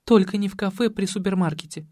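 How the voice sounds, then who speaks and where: Мужчина, озвучивающий болтливую пугливую молодую женщину, которая щебечет и хнычет. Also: male voice, sits high, fast talker, a little mellow, no room sound, studio quality, voice pushed up. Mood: chattering. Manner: chirping, whiny, pleading. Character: young woman, chattering, jumpy and gossipy.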